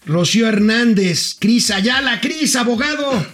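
A man's voice: very high-pitched, lively intonation, fairly bright tone. A man with a Mexican accent co-hosting a casual news chat show, bantering and reading out viewers' names and greetings. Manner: reads out names quickly, bantering. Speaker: co-host.

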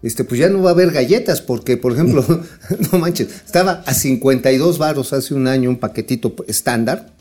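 A man's voice: medium pitch, normal speed, a little mellow, faint music behind. A man with a Mexican accent giving casual, profane financial commentary as co-host, joking and swearing freely. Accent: Mexican Spanish. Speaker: co-host of a financial talk show.

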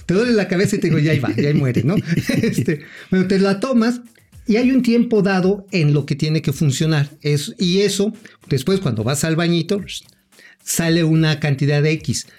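A man's voice: a little high, lively intonation, moderate pace, darkish tone. A man co-hosting a casual finance live stream, explaining with homely examples and joking around. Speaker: co-host, finance commentator.

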